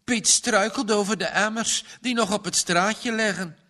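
A man voicing a young farm girl who talks in quick, bright exclamations. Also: mid-range voice, voice pushed up, lightly acted. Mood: alarmed.

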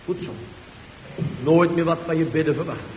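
Male preacher, high pitch, fervent sermon delivery; echoey church recording with hiss. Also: fairly even intonation, a little fast. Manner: fervent preaching, rhetorical questions, swings between loud and hushed.

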